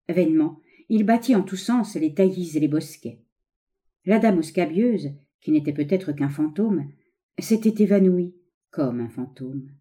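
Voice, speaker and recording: A woman narrating a story aloud in a measured, expressive storytelling manner. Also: lowish voice. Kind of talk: scripted audiobook narration.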